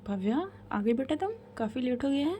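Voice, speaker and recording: A woman voicing a kindly middle-aged father who speaks gently and with concern. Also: high voice, big pitch swings, a little fast, slight background noise. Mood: gentle.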